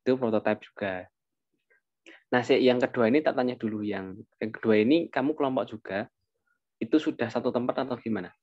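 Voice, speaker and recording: A young man mentoring over a video call, his speech loose and casual, full of fillers as he thinks aloud. His mid-pitched voice comes through dull, lo-fi audio. The sound is dry and close, with no room behind it. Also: fairly quick, long pauses, no room sound. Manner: relaxed, informal, with many fillers and asides. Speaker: webinar speaker answering questions.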